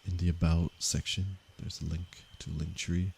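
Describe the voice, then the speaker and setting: A man from Canada, a meditation teacher, speaking softly and unhurriedly to viewers of his livestream. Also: deep voice, flat delivery, creaky, a little hiss or hum. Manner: slow, soft-spoken and unhurried, with pauses. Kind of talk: calm livestream talk to viewers.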